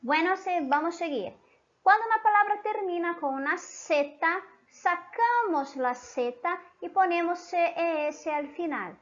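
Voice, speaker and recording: Woman Spanish teacher, native Portuguese speaker, high voice, patient and repetitive, muffled recording. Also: animated, measured pace. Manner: repetitive, checks in with "¿sí?" and "entonces"; switches between Spanish and Portuguese. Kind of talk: online language lesson.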